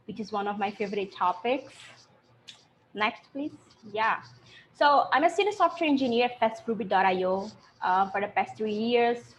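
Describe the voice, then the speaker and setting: Woman, from Brazil, co-presenter, cheerful, lo-fi webcam audio, faint hiss. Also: medium pitch. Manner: cheerful, asks for the next slide. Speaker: software engineer co-presenter. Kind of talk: conference workshop talk over video call.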